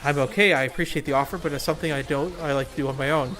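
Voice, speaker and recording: A fiery, earnest young racer girl, all gung-ho determination, as a man reads her lines aloud from a game story. The voice sits a little high for a man, read plainly and eagerly. Soft game music hums underneath. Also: steady tone, rapid-fire, lightly acted.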